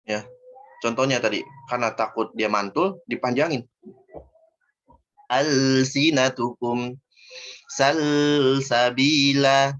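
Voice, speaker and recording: A man teaching a recitation lesson over an online call. He explains patiently, step by step, and slows down to model each word. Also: medium pitch, fairly bright tone, lo-fi sound. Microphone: video call.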